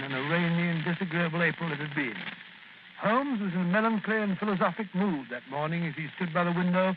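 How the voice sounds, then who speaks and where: Guy doing chatty old doc watson, chuckly and stammery, highish voice, old radio play with hiss. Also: close to an everyday voice. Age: older. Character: older male Dr Watson, genial, chatty and sentimental. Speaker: narrator and storyteller. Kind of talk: 1940s radio drama acting. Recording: tinny old radio broadcast with faint hiss.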